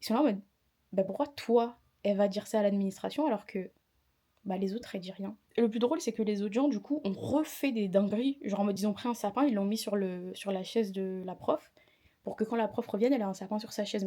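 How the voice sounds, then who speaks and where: A woman's voice: medium pitch, fast talker, warm tone. Tired young woman telling a storytime. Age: young adult. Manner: chatty, indignant retelling with quoted dialogue. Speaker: student vlogger. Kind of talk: casual vlog storytime.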